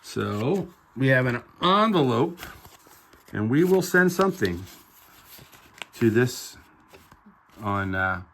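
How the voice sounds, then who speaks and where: A man's voice: mid-range voice, big pitch swings, takes it slowly, pauses often, a bit bright, a little hiss or hum. A middle-aged man vlogging as a collector, narrating in a casual, upbeat show-and-tell way with chatty asides.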